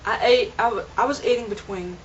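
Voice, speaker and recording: Her voice sits on the high side and moves briskly as the young vlogger earnestly rambles, often starting sentences over. It's dull lo-fi home video from a camera mic at home, carrying a little hiss or hum.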